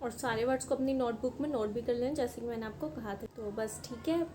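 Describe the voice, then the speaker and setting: Woman teacher going over sound rules, high pitched, keeps saying okay, faint hiss in the back. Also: brisk. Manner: patient, repeats "ठीक है" often. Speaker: language teacher. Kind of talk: spoken lesson on pronunciation rules.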